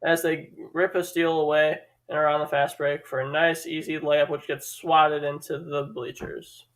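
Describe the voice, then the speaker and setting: A man's voice: fairly high pitch, flat delivery, poor audio. A man with a Chicago accent co-hosting a casual sports commentary stream, calling plays and teasing his partner. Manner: teasing, quick play-by-play. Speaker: co-host and commentator.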